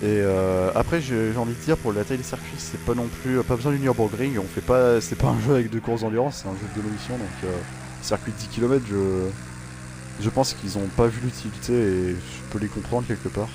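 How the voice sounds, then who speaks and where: Speaking briskly in a lowish voice, this man hosts a gaming channel and casually narrates his own racing gameplay. His talk wanders and jokes, with many fillers and restarts, against noisy game sounds and music.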